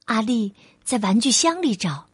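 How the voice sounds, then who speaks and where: A woman storyteller reading a children's bedtime story aloud in a gentle way, speaking to a little listener. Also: fairly high pitch, sing-song, husky, dry recording. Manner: slow, gentle, addresses child as sweetheart.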